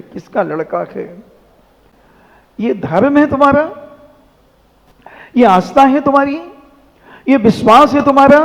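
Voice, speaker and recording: Casting: high-pitched male monk preacher, animated and scolding, in an echoing hall with dull sound. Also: creaky. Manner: animated, rhetorical scolding with mimicry. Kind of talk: sermon.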